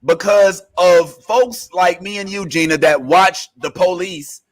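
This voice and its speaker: A man co-hosting a casual reaction podcast, riffing in an animated, preachy way. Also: high voice, unhurried. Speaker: podcast co-host.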